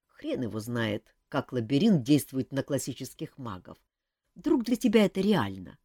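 A woman voicing a gruff adult male hero who grumbles and answers with curt sarcasm. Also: rumbling low, very animated, moderate pace, dark tone, no room sound, clean studio sound, exaggerated voice. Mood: grumbling.

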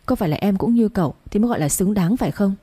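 A woman's voice: medium pitch, lively intonation, racing, warm tone, slightly rough. A woman voicing a young wife who bitterly reproaches her husband. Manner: reproachful, pleading.

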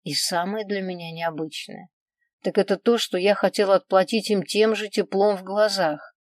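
A woman narrating a first-person audiobook in an even, measured reading. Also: mid-range voice, no echo. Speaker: audiobook reader.

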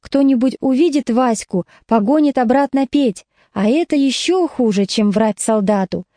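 A woman narrating a story as an audiobook reader, lively and expressive. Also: high voice, moderate pace, no room sound, clean studio sound.

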